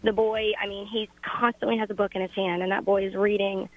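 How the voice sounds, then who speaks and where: A woman's voice: medium pitch, level tone, fairly quick, dry recording. A young woman and mother calling a radio show, cheerful and upbeat. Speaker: caller. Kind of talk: phone call-in chat. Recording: dull phone line.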